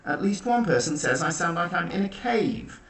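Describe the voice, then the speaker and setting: A man hosting an online quiz in a dry, deadpan way, his voice sounding like it is in a cave because of a makeshift backup mic. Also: on the high side, normal speed, a little hiss or hum. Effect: cave-like echo. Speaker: quiz host. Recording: echoey room, far from the mic.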